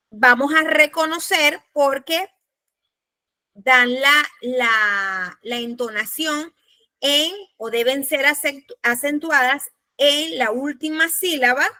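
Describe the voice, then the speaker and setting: A woman's voice: high voice, bright, forceful tone, dry recording. A woman instructor giving a law-writing class, patiently spelling out examples. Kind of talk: lecturing on spelling rules.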